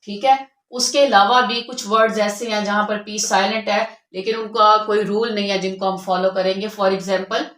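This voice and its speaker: A woman's voice: medium pitch, fairly even intonation, normal speed, a bit bright. A woman teaching a spoken English lesson, patiently explaining rules and repeating each word twice. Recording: echoey room.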